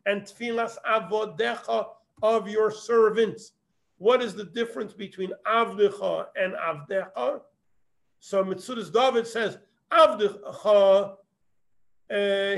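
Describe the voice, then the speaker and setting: Here a man with a high-sitting, creaky voice leads a lesson on a Torah text. Going verse by verse, he quotes Hebrew phrases and follows each with its translation.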